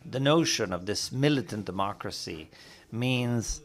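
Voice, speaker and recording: A man answering as a panelist at a conference, speaking in a deliberate, formal way. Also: lowish voice, expressive.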